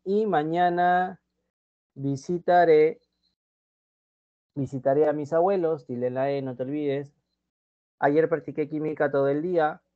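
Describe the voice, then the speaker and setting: A man with a Peruvian accent teaching a grammar class online, reading example sentences slowly and loudly, then dropping to quiet asides. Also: mid-range voice, no room sound. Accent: Peruvian Spanish. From Peru. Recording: dull dry lo-fi sound.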